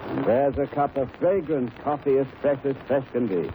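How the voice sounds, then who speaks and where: Actor playing Doctor Watson on tinny old radio. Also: male voice, mid-range voice, fairly even intonation, normal speed, close to an everyday voice. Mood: genial, amused. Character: Doctor Watson, excitable, genial English gentleman storyteller. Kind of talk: 1930s radio drama acting. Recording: noisy, tinny 1930s radio recording.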